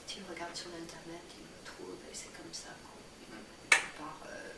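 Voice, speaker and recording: An older woman from France answers questions in a relaxed, halting way, full of fillers and restarts. She sits back from the microphone in an echoey room with steady noise behind her. Her pitch is mid-range for a woman. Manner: hesitant, many fillers and restarts, occasional laugh. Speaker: interviewee, cultural association chair. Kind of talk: casual interview answers. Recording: roomy, distant mic with background noise.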